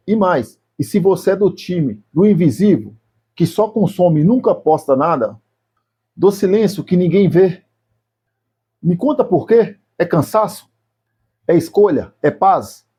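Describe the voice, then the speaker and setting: Slow, husky Brazilian man reflecting. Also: high-pitched, warm tone. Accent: Brazilian Portuguese. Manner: speaks slowly and deliberately, addressing the viewer directly in short phrases. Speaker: YouTube channel host. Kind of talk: reflective video essay monologue.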